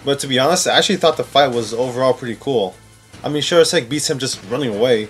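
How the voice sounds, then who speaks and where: Background music runs under this man's mid-range voice as he moves at a quick pace through a countdown of video game scenes. His commentary is sarcastic and informal, often incredulous and sprinkled with swearing.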